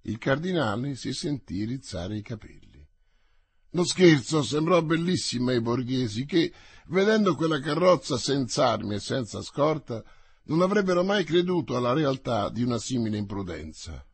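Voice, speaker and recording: A man reads a novel aloud with measured, theatrical narration. His voice is husky and mid-pitched. The sound is dry and close, with no room around it. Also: big pitch swings, no echo. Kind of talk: audiobook reading for radio.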